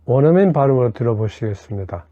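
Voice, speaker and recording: A man teaching English grammar step by step and leading slow repetition drills. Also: medium pitch, expressive, warm tone, a little hiss or hum. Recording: dull lo-fi dry recording.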